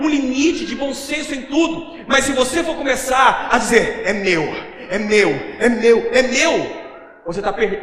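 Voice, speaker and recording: A Brazilian pastor preaches with emphasis and keeps putting questions to the congregation. His voice sits high for a man. It is recorded in a church conference hall that rings with echo and a long reverb. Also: a bit bright. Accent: Brazilian Portuguese. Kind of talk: sermon.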